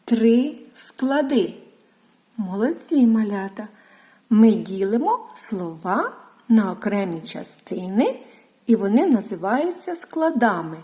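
A woman teaching a lesson to young children, speaking slowly and drawing out each syllable in a sing-song way. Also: medium pitch, big pitch swings, mellow. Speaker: preschool teacher.

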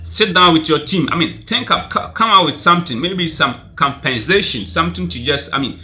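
A Ghanaian vlogger in his thirties films himself on a desk webcam in a small room, rambling through casual celebrity gossip. He laughs often and fills his talk with "I mean." His voice is a little high, expressive, brisk, pushed and bright.

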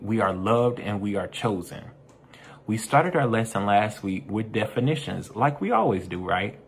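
A man's voice: fairly low pitch, a little hiss or hum. A man serving as youth minister, leading an upbeat Bible lesson for young people and asking them questions as he teaches. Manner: upbeat, addresses kids directly with call-and-response questions.

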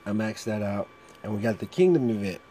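A man's voice: fairly low pitch, lively intonation, a little fast, dark tone, slight background noise. A man giving a casual walkthrough of a mobile game, with a fan running in the background. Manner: frequent throat clearing. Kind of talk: casual video walkthrough commentary.

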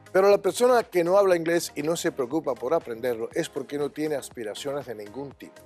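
An older man with a fairly high, slightly mellow voice speaks as the director of a language school during a TV studio interview. His manner is emphatic, confident and instructive.

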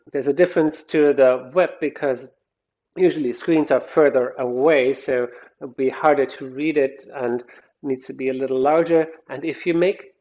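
A man's voice: on the high side, darkish tone, dull audio. A man teaching a design lecture over slides, explaining step by step and often restarting his sentences. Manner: explanatory, thinks aloud with frequent restarts. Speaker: design instructor.

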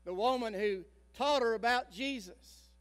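A man in his sixties, a pastor preaching a sermon, telling a story dramatically and swinging between loud emphasis and hushed tones. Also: very high-pitched, measured pace. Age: 60s. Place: church sanctuary. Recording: long church reverb.

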